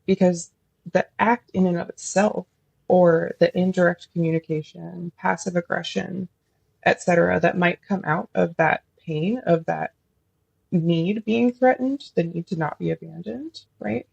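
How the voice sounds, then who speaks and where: A woman's voice: on the low side, fairly even intonation, a little slow, creaky, a little mellow, slightly rough, no echo, muffled recording. A woman social worker as a podcast guest, talking thoughtfully and at length with many fillers. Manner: admits feeling nervous while explaining. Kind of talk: casual podcast interview.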